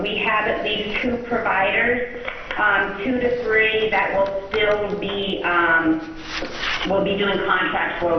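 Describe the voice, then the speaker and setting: A woman speaking over a phone line as a state official answering council questions, pausing often with um fillers. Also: lowish voice. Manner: frequent um fillers, halting phrasing. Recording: muffled echoey phone line, faint noise.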